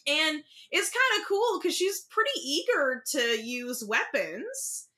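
A woman co-hosting a casual book podcast, talking in a chatty, halting way and retelling scenes. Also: high-pitched, sing-song, pushed and bright. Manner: chatty, halting with fillers and restarts. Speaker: podcast co-host.

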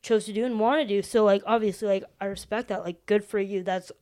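A woman's voice: medium pitch, fairly even intonation, quick pace, warm tone. A young woman hosting a podcast, chatting casually and supportively, laughing easily. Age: young adult. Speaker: podcast host. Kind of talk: casual chat.

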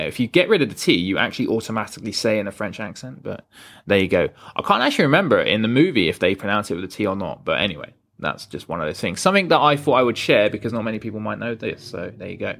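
Solo podcast host, male, lowish voice, loose and rambling delivery. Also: big pitch swings, quick pace, creaky, fairly bright tone. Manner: casual, rambling, with fillers and self-corrections. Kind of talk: solo film podcast monologue.

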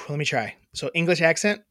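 A woman's voice: sits low, animated, moderate pace, a bit bright, no room sound, clean studio sound. Swearing, self-mocking podcast woman. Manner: self-mocking, swears freely, laughs at herself. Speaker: podcast co-host. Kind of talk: casual chat.

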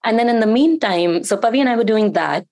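A woman's voice: on the high side, animated, brisk, a little mellow. A woman guest telling her story in an earnest, reflective way during a casual interview.

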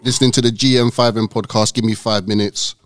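A man's voice: lowish voice, level tone, fast talker, no room sound. London man hosting, dry close sound. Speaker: podcast host. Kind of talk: casual podcast hosting.

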